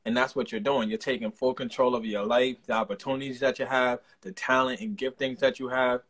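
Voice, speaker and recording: A man's voice: medium pitch, level tone, fairly quick, a bit bright, poor audio. A man interviewing a singer on a livestream in an earnest, encouraging way, with lots of fillers.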